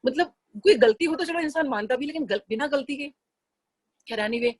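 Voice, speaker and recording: A woman's voice: sits high, lively intonation, normal speed. A middle-aged woman telling a personal devotional story in a chatty, earnest way, often slipping into English phrases. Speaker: satsang devotee sharing a personal experience. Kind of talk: casual spoken testimony.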